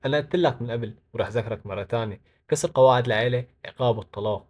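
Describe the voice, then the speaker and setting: Guy doing an angry wife, high sharp scolding voice, talks fast. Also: natural voice. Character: stern housewife, angry and threatening.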